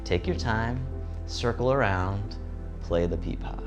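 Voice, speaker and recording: A man giving serene, gentle tai chi instruction in short, soothing guided movement cues. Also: on the low side, measured pace. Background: instrumental music.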